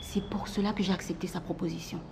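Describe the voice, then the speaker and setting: A woman playing a new company boss who speaks in a formal, measured way, in comic soap-opera acting. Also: lowish voice, fairly even intonation, creaky, darkish tone, a little hiss or hum. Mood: composed.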